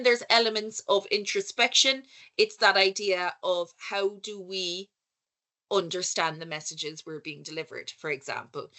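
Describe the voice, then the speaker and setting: A woman's voice: medium pitch, pushed and bright. A woman with an Irish accent giving a conversational conference talk, asking rhetorical questions and correcting herself as she goes. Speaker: workshop speaker.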